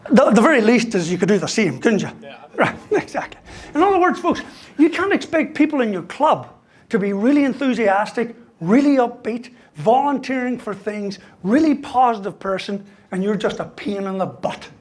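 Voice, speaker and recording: A man's voice: extremely high pitch, sing-song, normal speed. A man giving a humorous motivational talk as a university lecturer, asking "right?" after most points. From Ireland. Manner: joking, ends lines with "right?".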